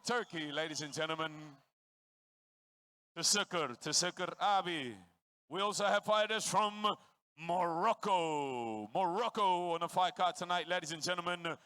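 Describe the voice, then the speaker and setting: A man's voice: high-pitched, steady tone, normal speed, pushed and bright, clean tone. A man hosting a live fight night as ring announcer, working the crowd and greeting fans in several languages. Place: boxing stadium.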